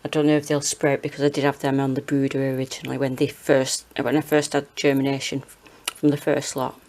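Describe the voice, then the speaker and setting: A British woman in her forties chatting casually and hesitantly as she gives a rambling home gardening tour, with a monotone, self-deprecating manner. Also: extremely low pitch, a little fast. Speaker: gardening vlogger. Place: small home kitchen and windowsill, indoors.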